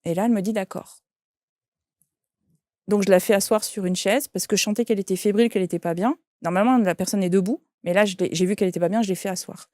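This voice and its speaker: A woman's voice: mid-range voice, quick pace, a little mellow, dry recording, studio quality. A woman, a shaman and medium, telling an anecdote in an interview and quoting the people in it. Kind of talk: interview storytelling.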